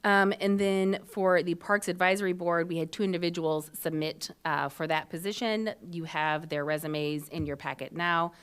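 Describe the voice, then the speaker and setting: A woman speaks in a notably low register as she gives the city manager's report to council. Her delivery is matter-of-fact and businesslike. She fills her pauses with ums. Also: steady tone, smooth. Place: council chambers.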